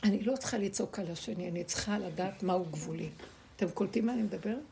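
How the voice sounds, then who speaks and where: A woman gives a spiritual teaching to a small group in a gravelly, creaky voice. She speaks emphatically, repeating key words and pressing her listeners with rhetorical questions. A faint hiss of noise runs beneath her. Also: medium pitch, dark tone.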